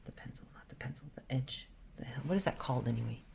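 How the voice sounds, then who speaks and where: Fast, creaky and whispered, this forties art vlogger's voice rumbles low as she chats casually over her drawing. She thinks out loud about the colors in a relaxed way and often trails off mid-sentence.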